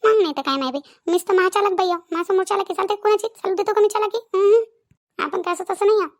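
A proud, sharp-tongued older village woman, as a woman puts her on for a cartoon. She speaks in a high, quick patter. She scolds and boasts without pausing. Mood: boastful. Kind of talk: cartoon voice acting.

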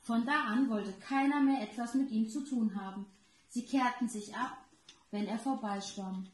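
A daycare educator, a woman, reading a children's story aloud slowly and clearly. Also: fairly high pitch, slight background noise. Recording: roomy echo.

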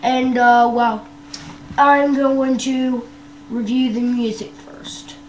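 Young woman from Canada, casual vlogger, high voice, unhurried, filler-heavy, echoey room. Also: steady tone. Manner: hesitant, many ums and wells. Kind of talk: casual screen-tour vlog. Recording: roomy echo with faint hum.

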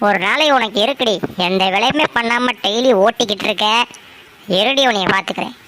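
A woman's voice: on the high side, a little fast, fairly bright tone, lightly acted, poor audio. A woman voicing a scolding, bossy mother-in-law in a homemade cartoon, with harsh, scornful nagging.

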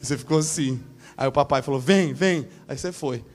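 A male pastor preaching a sermon in church, telling a story with animated shifts of voice. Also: fast, a little hiss or hum. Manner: animated storytelling, acting out voices with big pitch swings.

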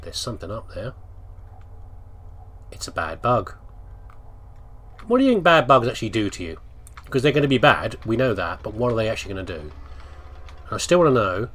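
A British let's play host with a lowish, very animated voice that is a little bright gives casual, playful game commentary. He talks a bit fast but leaves long pauses, chatting to the character, asking himself questions and reading on-screen text aloud.

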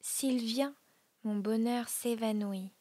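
A woman voicing a wounded young stranger in hiding, in a hushed whispered role-play. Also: fairly high pitch, slow, dry recording. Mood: pleading. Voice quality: breathy, hushed.

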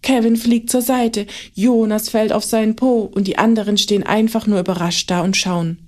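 A woman narrating a children's short story in a calm, measured reading voice. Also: mid-range voice.

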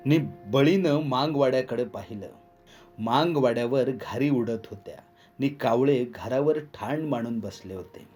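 A man's voice: mid-range voice, a little slow. A man reading a dramatic village story aloud, raising his voice to act out the characters' lines. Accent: Marathi. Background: soft instrumental music.

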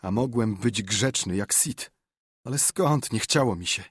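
A man voicing a frightened, excitable young boy in an audiobook, speaking in an urgent, higher whisper. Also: a little slow, slightly rough, dry recording, clean studio sound. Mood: remorseful.

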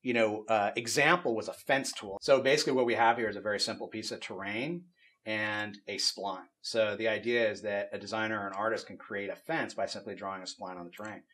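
A middle-aged man casually walking through a software tool demo in an office, explaining as he goes with frequent fillers. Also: lowish voice, steady tone, fairly quick. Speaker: game studio technical artist demonstrating tools. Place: office at a desk with monitors.

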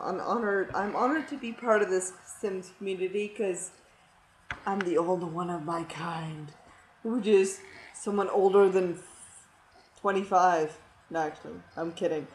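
A woman in her thirties, hyper and giggly, gushing through a casual shoutout vlog. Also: on the low side, steady tone, unhurried. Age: 30s. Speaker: YouTube vlogger. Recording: roomy echo with faint noise.

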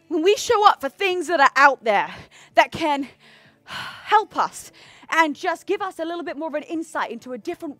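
High-voiced woman coaching, music behind. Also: a bit bright. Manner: encouraging, addresses listeners directly. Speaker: fitness instructor and coach. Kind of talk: casual coaching talk to a class. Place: outdoors on a backyard pool deck.

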